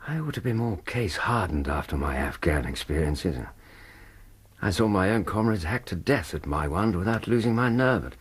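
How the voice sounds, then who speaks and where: An actor playing a weary, decent Victorian army doctor in a British radio drama, with an English accent and a polite, hesitant, understated manner. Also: male voice, low-pitched, lively intonation, normal speed, husky, full character voice. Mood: troubled.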